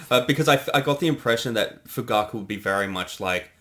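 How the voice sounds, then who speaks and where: Speaking at a medium pitch with a fairly bright tone, a man co-hosts a casual commentary on the parody series he directed. His talk wanders, packed with fillers and restarts.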